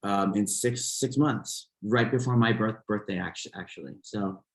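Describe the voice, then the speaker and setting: Low-voiced man chatting in a roomy space. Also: normal speed. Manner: rambling, many restarts and fillers. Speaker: podcast guest, fitness instructor. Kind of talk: casual interview chat.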